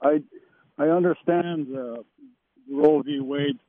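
A man calling in to a radio show, holding his phone away from his mouth so his voice comes through faint and distant. He talks haltingly, with restarts. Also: a little high, no room sound. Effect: phone held away from the mouth, voice faint and distant. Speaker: radio call-in caller. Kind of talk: call-in radio talk. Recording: tinny phone line.

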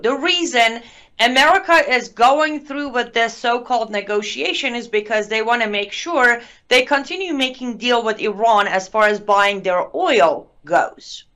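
A woman's voice: a little high, bright, forceful tone. A woman whose first language is not English, a guest giving emphatic, indignant political commentary with sarcastic asides.

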